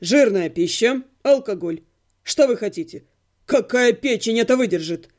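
A woman's voice: fairly high pitch, animated, moderate pace, a little mellow, voice pushed down, close to an everyday voice. A woman voicing a tired, grumbling male healer in an audiobook. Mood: weary. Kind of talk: audiobook character voice.

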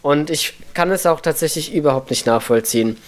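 A man's voice: a little high, fairly quick. A man co-hosting a podcast in casual chat, stating his opinions frankly. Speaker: podcast co-host.

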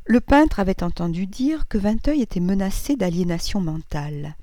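A woman reads a classic novel aloud in a measured, even way. Her voice sits low and mellow, and the recording is dry and close. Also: no echo. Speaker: audiobook reader. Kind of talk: scripted narration of a classic novel.

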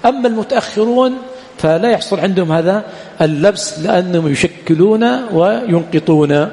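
A man's voice: high-pitched, fairly quick, warm tone. Guy teaching a class, keeps asking "what?" to prompt students, big echoey hall. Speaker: Islamic studies teacher. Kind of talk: classroom lecture on hadith sciences. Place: lecture hall at a study center.

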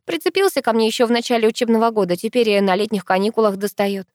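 A woman's voice: a little high, quick pace, no echo, studio quality, pitched above the performer's own voice, close to an everyday voice. Woman doing a brash teenage sister. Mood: brash teasing. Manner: loud, mocking, slangy.

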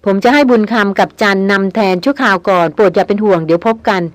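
A woman reading the lines of a seasoned male jungle hunter, calm and modest, with plain even replies. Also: mid-range voice, fast talker, no room sound, close to an everyday voice.

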